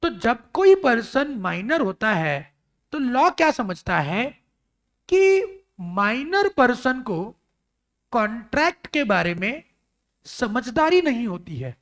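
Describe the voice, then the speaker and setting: A man's voice: extremely high pitch, sing-song, takes it slowly, fairly bright tone. A man teaching a law lecture in a classroom, acting out little scenes and talking with students, mixing in English terms.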